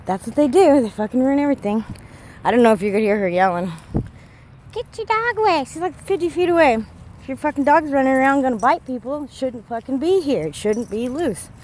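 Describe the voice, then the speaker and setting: A woman's voice: fairly high pitch, expressive, fast talker, a little mellow, a little hiss or hum. A woman vlogging while walking through a cemetery, ranting heatedly and swearing a lot. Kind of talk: casual walking vlog. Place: outdoors in a cemetery.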